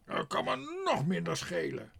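A man reading a storybook aloud, voicing a hot-tempered cook and father with a gruff, blustering manner. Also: fairly high pitch, huge pitch swings, a little slow, fairly bright tone, pitched above the performer's own voice, heavily acted. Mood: angry.

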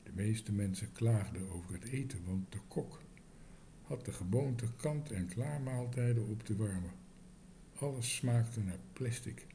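A man reading a children's story aloud in a lively, expressive way. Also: lowish voice, measured pace, a little hiss or hum.

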